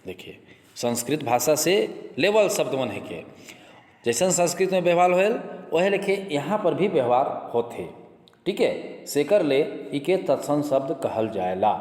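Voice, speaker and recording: A man teaching a grammar lesson, repeating each point slowly and urging viewers to look carefully. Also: a little high, sing-song, a little mellow. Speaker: exam coaching teacher. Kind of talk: grammar lesson explaining slides. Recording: echoey room with long reverb.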